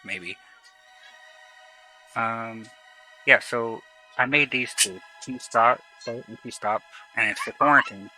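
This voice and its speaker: A man's voice: medium pitch, slow pace, long pauses, pushed and bright, rough recording. A man with a lisp streaming from home, talking casually and rambling about his tech setup, swearing now and then. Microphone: new desk microphone. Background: faint music.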